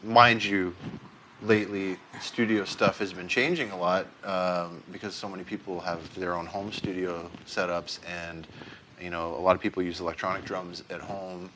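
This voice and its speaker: A man being interviewed as a guest session drummer, talking in a relaxed, easygoing way in a recording studio. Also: low-pitched, moderate pace, slight background noise, poor audio. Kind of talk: casual interview.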